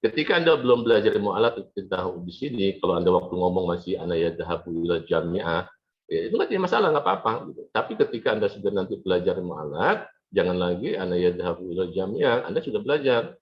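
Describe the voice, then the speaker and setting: A man's voice: fairly low pitch, very animated, fast, muffled recording. A man giving a university lecture, explaining and repeating his points to the students.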